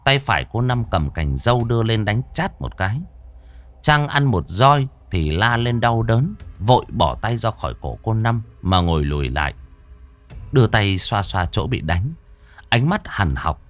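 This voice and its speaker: A man narrating a horror story in a dramatic, expressive storytelling manner. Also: fairly low pitch, unhurried, dry recording, soft background music.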